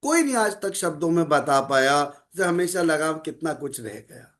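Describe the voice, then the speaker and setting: A middle-aged man giving a calm, measured spiritual talk to listeners, mixing in English phrases. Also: on the high side. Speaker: spiritual speaker.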